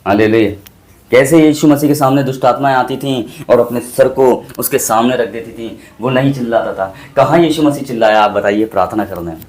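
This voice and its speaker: A man's voice: medium pitch, a little fast, darkish tone. A pastor preaching, repeating his points with restarts and exclamations. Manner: preachy, repeats lines with many restarts and hallelujahs. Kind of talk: sermon.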